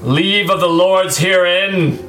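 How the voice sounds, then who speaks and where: A man voicing a proud centaur leader in a tabletop game, with a loud, booming, arrogant and archaic lordly delivery. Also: slow, faint music behind. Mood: imperious challenge. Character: booming, imperious male centaur leader challenging trespassers. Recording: echoey room with clear background noise.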